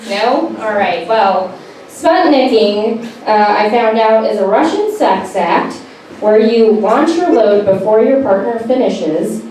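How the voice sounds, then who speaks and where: Woman stand-up comic, deadpan delivery, crowd work, recorded from far off in an echoey club. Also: medium pitch, a little slow, hardly any pauses. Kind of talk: stand-up set. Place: small club stage. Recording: echoey room from far off with noise. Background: audience laughter.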